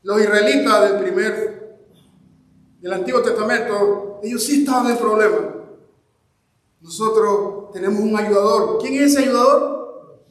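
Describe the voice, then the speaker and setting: A man preaching a sermon as pastor, impassioned and speaking straight to his congregation, often rising to shouts. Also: high voice, a little slow, pauses often. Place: church hall. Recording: echoey hall with long reverb.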